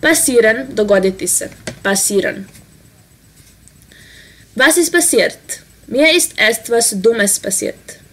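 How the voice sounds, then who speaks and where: Woman language teacher, slightly high voice, slow careful drilling of words. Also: lively intonation. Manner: says each word and sentence slowly, then translates it quickly. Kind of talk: vocabulary lesson.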